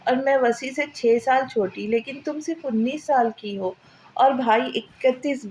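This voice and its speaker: A woman voicing a loving young wife who gently coaxes and advises her sister-in-law. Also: sits high, unhurried, a little hiss or hum. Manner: gentle, coaxing.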